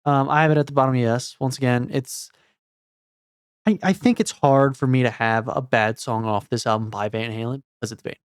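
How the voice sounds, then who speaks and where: A man's voice: mid-range voice, fairly quick, smooth. A man in his thirties co-hosting a casual music review chat, laid-back and rambling with fillers. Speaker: podcast co-host.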